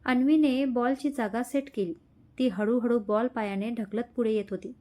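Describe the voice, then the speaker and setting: Mellow-voiced woman storyteller. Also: fairly high pitch, normal speed. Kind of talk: scripted story narration.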